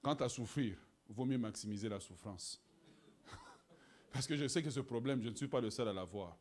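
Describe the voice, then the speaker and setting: A man preaching a sermon to his church, moving between quiet, laughing asides and loud, shouted exhortation. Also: medium pitch, normal speed. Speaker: pastor. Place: church sanctuary.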